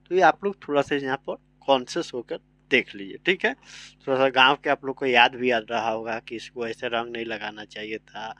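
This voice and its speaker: A man's voice: medium pitch, pushed and bright, no room sound. Chatty man teaching. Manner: chatty, spells words letter by letter; keeps repeating "samajh rahe na". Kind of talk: casual vocabulary lesson.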